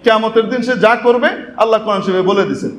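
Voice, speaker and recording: A man's voice: sits high, quick pace. Emphatic male imam in echoey mosque. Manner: emphatic, asks the congregation rhetorical questions. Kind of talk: Friday sermon. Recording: echoey mosque hall with faint noise.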